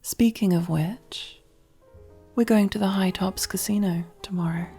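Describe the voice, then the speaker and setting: Faint music plays behind a woman in an ASMR roleplay as a commanding, possessive, silkily affectionate female mafia boss. Her mid-range voice is breathy and husky, often falling to a whisper as she speaks intimately. She comes across as slow, controlled and softly commanding.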